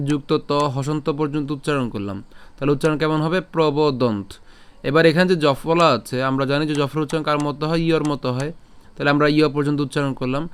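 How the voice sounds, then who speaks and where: A man with a Bengali accent teaching Sanskrit pronunciation in an online lesson, breaking words into syllables patiently and slowing right down to chant each verse. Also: on the high side, clear, resonant tone. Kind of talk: online lesson with slow recitation.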